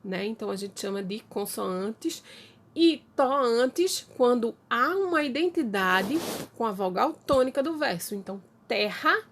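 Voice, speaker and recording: Brazilian lady teacher, slow and halting, gravelly creak, kinda high voice. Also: lively intonation, a little hiss or hum. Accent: Brazilian Portuguese. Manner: slow, halting explanation with many fillers. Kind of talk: recorded online class.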